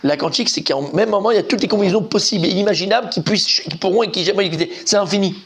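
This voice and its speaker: A man giving an informal, animated Talmud class, quizzing his students and repeating key points. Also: high-pitched, rapid-fire, a little hiss or hum. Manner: lively, animated, asks students questions, repeats himself. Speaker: rabbi teaching Talmud.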